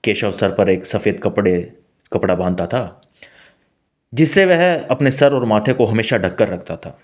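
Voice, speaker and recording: Low-voiced male storyteller. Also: expressive, measured pace, darkish tone. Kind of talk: scripted story narration.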